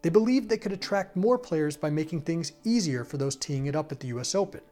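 A man reporting a news feature in a measured, scripted narration. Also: on the high side, expressive, mellow, soft background music.

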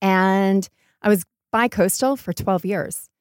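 Her voice mid-range, slow, a little mellow, and clear with a resonant tone, an American startup entrepreneur from Maine talks as a podcast guest. She offers reflective, conversational answers and emphasizes her points. The sound is dry and clean, as in a studio.

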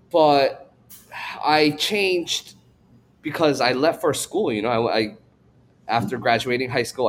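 A man's voice: mid-range voice, slight background noise. Thoughtful male chef guest, rambling. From Korea, raised in New York. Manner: thoughtful, rambling, many fillers and restarts. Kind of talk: casual interview.

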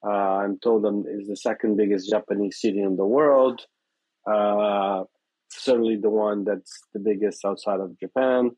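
This is a fifty-something Brazilian man who cooks and owns a restaurant, talking in a casual interview with a Brazilian Portuguese accent. His lowish voice is steady, a little mellow and slightly rough, at a moderate pace, though he hesitates and uses many fillers. The audio is dry, slightly dull, and free of echo.

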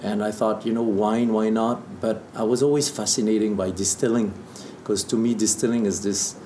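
Here a man from southern Burgundy, France, in his fifties, speaks at a moderate pace in a lowish, dark voice with a level tone. The distiller is an interview guest sharing stories casually in English with a French accent, in an echoey space with background noise.

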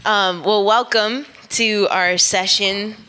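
A woman born in the Philippines and raised in Orlando, moderating a church conference panel in a relaxed, friendly way. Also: medium pitch, slow, smooth. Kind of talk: casual panel introduction.

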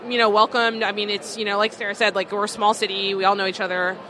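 A woman's voice: medium pitch, little pitch movement, fast, sharp tone. A woman who co-owns a distillery, answering interview questions in a casual, filler-heavy way at a busy food market. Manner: chatty, full of "like" and "um" fillers. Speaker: distillery co-owner. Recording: noisy market background.

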